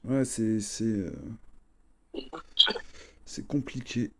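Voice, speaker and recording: A man's voice: on the low side, extremely slow, dark tone, slight background noise. A man chatting casually as he plays a strategy game, slangy and repeating himself. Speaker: gaming video host, player. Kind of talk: casual chat while playing a strategy game.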